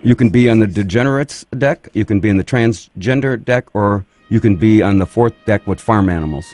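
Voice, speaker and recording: A man's voice: fairly low pitch, a little fast, a little mellow, dry recording. A man hosting a radio show, wisecracking through a string of one-liners and laughing at his own jokes. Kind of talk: joking radio banter.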